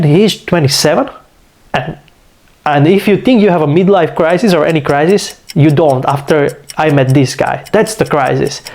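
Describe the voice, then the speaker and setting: This Slovak channel host in his twenties has a voice on the high side with a darkish tone. Slightly under the weather, he speaks accented English in a rambling, casual vlog monologue thick with "you know" and "like."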